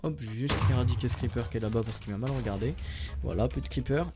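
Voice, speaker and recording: A man's voice: mid-range voice, fast. Chatty young man, gaming commentary. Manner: chatty, excitable, talks to viewers. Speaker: gaming YouTuber. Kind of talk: casual Minecraft let's play commentary. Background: background music.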